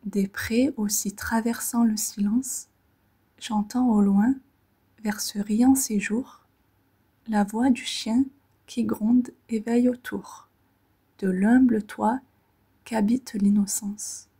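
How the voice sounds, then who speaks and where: A female poetry reader speaks in a soothing, measured way, her fairly high voice soft, breathy and often close to a whisper. Intonation stays fairly even, and pauses split her short phrases.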